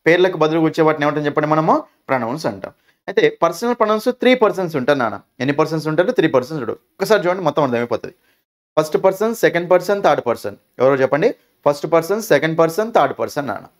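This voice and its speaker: Male teacher with a Telugu accent, quick and high-pitched, runs a classroom grammar drill with rhetorical questions. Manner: asks questions and answers them himself, calls students "nanna". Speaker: English teacher.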